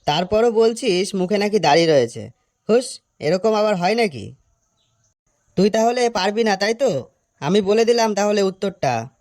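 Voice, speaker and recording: A man's voice: sits high, animated, normal speed, pauses often, darkish tone. A man voicing a cheeky, suspicious schoolboy who teases and scolds his friend. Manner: teasing, scolding. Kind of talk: animated cartoon voice acting.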